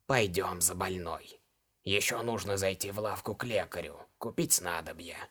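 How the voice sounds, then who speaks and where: A man voicing a stern, imperious old female shaman in a low, hoarse voice, speaking slowly and curtly in an audiobook. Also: fairly bright tone. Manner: slow, curt, menacing.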